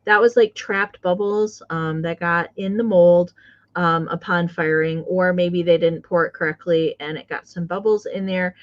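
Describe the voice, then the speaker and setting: Woman co-hosting a live vintage sale, lots of ums, a bit muffled. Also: lowish voice. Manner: casual, hesitant with many fillers. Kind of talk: live auction selling.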